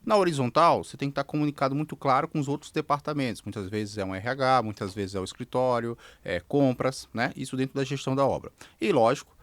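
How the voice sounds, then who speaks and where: A man hosts a podcast and speaks at a middle pitch. He recaps what his guest said in neat lists and then pushes into the details. The sound is dry and close. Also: fast talker, hardly any pauses, fairly bright tone, dry recording. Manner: sums up points in lists, then asks for more. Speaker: podcast host. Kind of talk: casual podcast interview.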